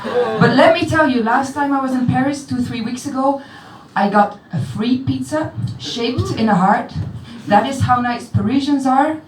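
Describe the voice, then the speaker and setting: A woman's voice: sits high, normal speed, hardly any pauses, faint music behind. A young Flemish woman, a native Dutch speaker, performing playful stand-up comedy and teasing the crowd in a small club. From Belgium. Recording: roomy club sound from a distant mic. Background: crowd laughter.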